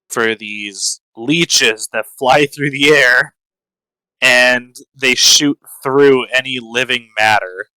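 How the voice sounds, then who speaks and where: A man improvising story narration as a player in a tabletop game, with dramatic, deliberate pauses. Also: medium pitch, bright, forceful tone, smooth, dry recording, poor audio. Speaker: tabletop role-play player.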